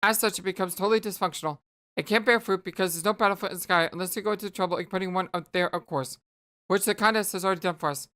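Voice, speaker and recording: A woman's voice: mid-range voice, a bit bright, natural voice. A woman voicing a smug, scheming young female alien troll who lectures others with condescension. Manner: condescending, self-assured.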